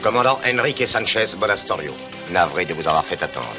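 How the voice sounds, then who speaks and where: Villain commandant, TV adventure dub: lowish voice, curt, imperious, ruthless, over music. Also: male voice, animated, quick pace. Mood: curt, formal. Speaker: military commandant. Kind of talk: French-dubbed television adventure acting.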